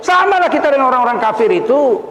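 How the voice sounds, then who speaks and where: Male preacher, high voice, animated storyteller, echoey hall. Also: quick pace, highs cut off. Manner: animated storyteller, asks the crowd questions. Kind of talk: lively sermon with stories. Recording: echoey hall, faint ambience.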